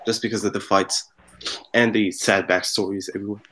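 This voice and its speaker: A man co-hosting a casual podcast chat, loose and excitable, swearing freely. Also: lowish voice, fairly quick, poor audio. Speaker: podcast co-host.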